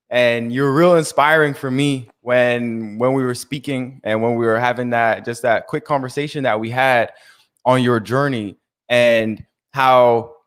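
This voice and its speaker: Brief: male host, mid-pitched, laid-back, encouraging, greets with Rasta phrases. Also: fairly bright tone, smooth. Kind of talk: casual conversation on a live stream.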